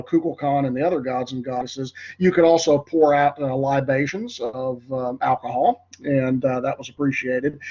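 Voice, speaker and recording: A man delivers a relaxed history lecture in a slightly raised, husky voice. He wanders through asides and fillers as he talks. The recording sounds dull and lo-fi. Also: fairly high pitch. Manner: conversational, many fillers and asides.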